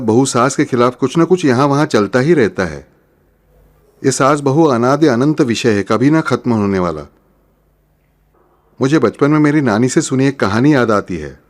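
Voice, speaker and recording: A man, a spiritual teacher, giving a religious discourse in an explanatory, storytelling way, often asking and answering his own questions. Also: medium pitch.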